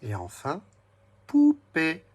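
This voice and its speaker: A man giving a slow, patient reading lesson to a young child and spelling words out syllable by syllable. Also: on the high side, huge pitch swings, a little mellow, breathy edge. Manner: speaks slowly, splits words into syllables.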